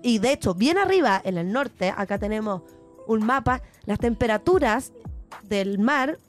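A woman co-hosting a podcast in casual chat, chatty and animated, laughing often. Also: on the high side, measured pace, faint music behind. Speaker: podcast co-host.

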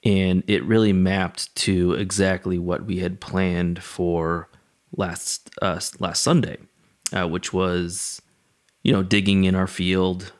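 Once more the pastor reflects aloud, conversational and halting, as he recounts personal stories in a casual devotional way. He speaks in a low voice with little pitch movement.

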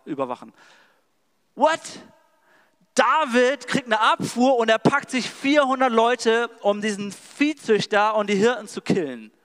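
A male preacher delivers a sermon and retells scripture in chatty, slangy language. He speaks directly to his listeners. His voice sits high and sounds smooth and resonant. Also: fairly bright tone, long reverb tail. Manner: casual and slangy storytelling, addresses the audience directly.

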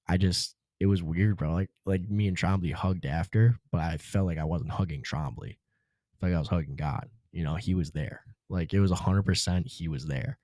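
A man's voice: extremely low pitch, darkish tone, dry recording, clean studio sound. A man guest on a podcast, telling a personal story in a casual, laid-back way, full of slang like "dude" and "bro".

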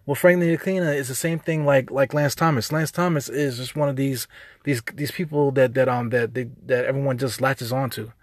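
A man's voice: medium pitch, fairly even intonation, brisk, no echo, clean studio sound. A man with a New York accent hosting a podcast, ranting off the cuff in streetwise slang, repeating himself as he gets worked up. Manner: fired-up, rambling, repeats words, streetwise slang. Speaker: podcast host. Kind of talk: unscripted sports rant.

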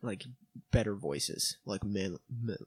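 A man's voice: on the low side, wildly swooping pitch, a little slow, gravelly, darkish tone, slightly rough, no echo. A man co-hosting a podcast in an easygoing, agreeable way, chatting in a basement. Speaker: podcast co-host. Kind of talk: casual chat.

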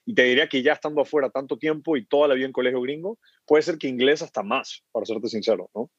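Guesting on a podcast, an Ecuadorian startup founder speaks fast in a slightly rough, mid-range voice, repeating words as he works through his thoughts. The casual interview is recorded dry and muffled, with no echo.

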